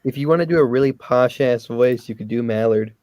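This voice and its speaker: A man's voice: mid-range voice, brisk, a little mellow, no room sound. A man in a casual group chat, handing out roles in a direct, organizing way. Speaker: casting organizer.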